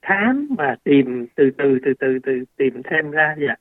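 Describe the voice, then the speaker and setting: A man's voice: medium pitch, lively intonation, slow, no room sound. A man, a doctor explaining things on a radio interview, hesitant with many fillers and restarts. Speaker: doctor guest. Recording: tinny phone-like radio line.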